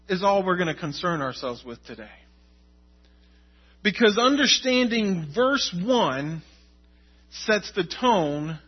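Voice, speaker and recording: A man's voice: high-pitched, husky, highs cut off. A pastor preaching a sermon in a conversational way, repeating words to stress his points.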